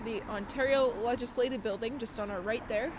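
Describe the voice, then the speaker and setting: This IRL streamer is outside on city streets after dark, reading comments from viewers in a chatty manner and laughing frequently. She talks fairly quickly in a steady, fairly high voice, a bit nasal from a lingering cold, with a noisy background.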